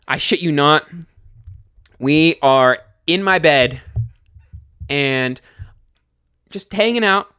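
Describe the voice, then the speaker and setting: A young man telling a scary personal story in casual speech, animated, swearing freely and full of fillers and restarts. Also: fairly high pitch, slow pace, long pauses, clean tone, dry recording, studio quality.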